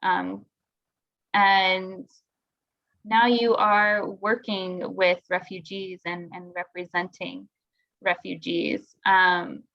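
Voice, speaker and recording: A woman's voice: lowish voice, flat delivery, takes it slowly, creaky. A woman moderating a panel discussion, speaking hesitantly with many restarts. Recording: dull muffled audio.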